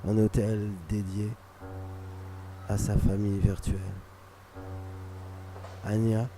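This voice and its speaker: A man reading a scripted dramatic story for radio in a measured, solemn, literary way. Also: lowish voice, level tone. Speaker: narrator. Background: music under the voice.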